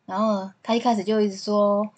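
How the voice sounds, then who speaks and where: Woman chatting on a podcast, kinda husky, just telling her story. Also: mid-range voice, flat delivery, brisk, darkish tone. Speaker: podcast co-host. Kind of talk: casual chat.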